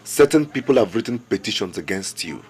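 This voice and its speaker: A man's voice: lowish voice, lively intonation, brisk, darkish tone, close to an everyday voice. An actor playing a respectful but insistent young local government chairman with a Nigerian accent, earnest and deferential while pressing his point. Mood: pleading. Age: young adult. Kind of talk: film drama acting.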